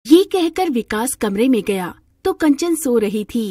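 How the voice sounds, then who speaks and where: A woman narrating a scripted storybook tale in a plain, steady manner. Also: on the high side, unhurried, dry recording, studio quality.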